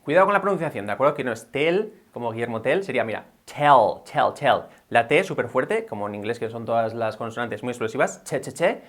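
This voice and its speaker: A man's voice: medium pitch, expressive, very fast, hardly any pauses, a bit bright. A man teaching English vocabulary in a bilingual video lesson, upbeat and constantly checking in with his viewers. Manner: upbeat, switches between English and Spanish, keeps checking with "ok?".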